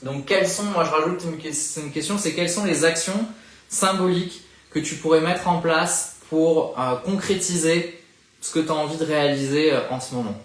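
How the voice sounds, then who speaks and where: A man giving a live oracle card reading, speaking gently and encouragingly to the listener and often pausing to search for words. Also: on the high side, reverberant. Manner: thinks aloud with frequent hesitations. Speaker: spiritual card reader.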